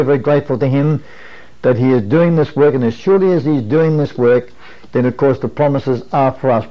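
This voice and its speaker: A man in his fifties delivers a sermon as a podium speech, earnest and measured, often posing questions to make his point. His pitch sits in the middle range, and the sound is dull, like old lo-fi videotape. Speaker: preacher. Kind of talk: sermon as podium speech, teaching at a camp meeting. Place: small wood-panelled room, standing at a desk. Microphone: lapel or pocket-clipped microphone. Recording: muffled lo-fi 1980s videotape.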